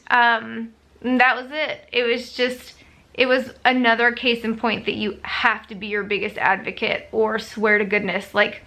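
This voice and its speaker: A woman's voice: on the high side, sharp tone. A young adult woman telling a story to camera in a casual vlog, chatty, acting out what others said. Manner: chatty, retells others' lines in quotes. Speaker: vlogger.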